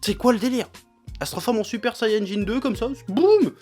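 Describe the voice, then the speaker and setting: A man's voice: high voice, animated, brisk, a little mellow, soft background music. A young man ranting like a raging gamer in an irate, exasperated, sweary video commentary. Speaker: anime episode reviewer.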